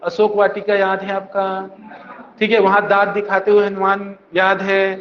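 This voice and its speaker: High-voiced man drilling a class. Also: completely flat delivery, moderate pace. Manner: repetitive call-and-response drilling. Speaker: coaching teacher. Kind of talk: classroom lecture with mnemonics. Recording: dull echoey classroom recording.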